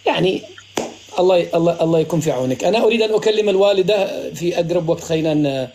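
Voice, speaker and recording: A man from Morocco hosting a live stream, speaking in a measured, advising and reassuring way. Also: high voice, lively intonation, dark tone. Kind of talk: casual live-stream chat.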